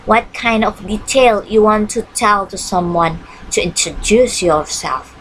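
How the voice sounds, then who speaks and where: A woman teacher with an Indonesian accent runs an online English lesson, translating every English line into Indonesian and pausing often with "hmm." Her pitch is medium, and the poor audio, picked up by a computer mic on a screen-shared video lesson, carries a slight hiss or hum.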